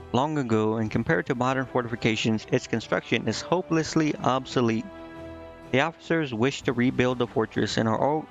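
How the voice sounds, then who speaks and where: A man streaming a game chats casually as he plays, voicing his indecisive thoughts and reading text from the screen. His mid-range voice is creaky and the audio sounds dull, while game music runs underneath.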